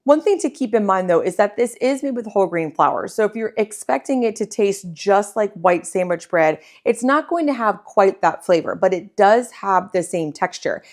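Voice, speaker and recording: Young female home-baking host, mid-pitched voice, relaxed and friendly step-by-step teaching in her kitchen. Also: moderate pace, few pauses. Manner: friendly, easygoing instruction.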